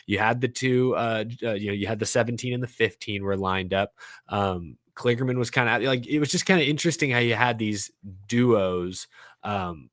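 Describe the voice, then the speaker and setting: A man co-hosting a podcast, chatting casually about motorsport in a lively way. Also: medium pitch, no room sound, studio quality. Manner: lively, mimics announcers in exaggerated voices. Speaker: podcast co-host.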